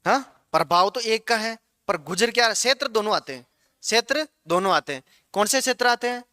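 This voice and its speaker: A man teaches a class in a classroom lecture, his voice high and bright. He keeps asking questions and repeating the answers back. The sound is close and dry, with no room echo. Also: expressive, brisk. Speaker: geography teacher.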